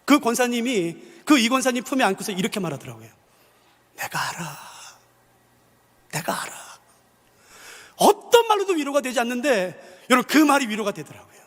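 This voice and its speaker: A man's voice: very high-pitched, sing-song, quick pace, long reverb tail. A man preaching a sermon as pastor, telling stories with passion and acting out the voices of the people in them. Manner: impassioned storytelling, acting out quoted voices.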